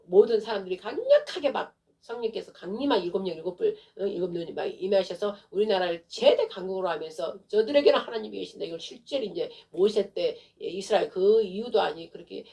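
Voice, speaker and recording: A woman pastor preaches with fiery conviction, her voice gravelly and rough at the edges. She sits a little away from the microphone, so the sound carries some distance. Her delivery is intense and urgent. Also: medium pitch, lively intonation, fast, hardly any pauses, mellow. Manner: fervent, rising into wailing prayer. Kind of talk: impassioned sermon.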